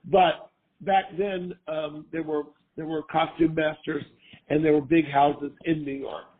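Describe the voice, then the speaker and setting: An older man, hoarse from a cold, chatting casually as an interview guest and rambling with lots of fillers. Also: on the high side, level tone, unhurried. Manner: rambling, full of fillers and restarts. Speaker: guest, former costume maker. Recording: tinny phone-line sound.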